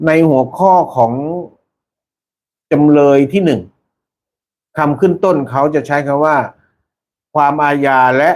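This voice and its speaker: A man's voice: a little high, measured pace, pauses often. A man hosting a casual live stream, chatting with viewers and reading out their names, peppering his talk with polite particles.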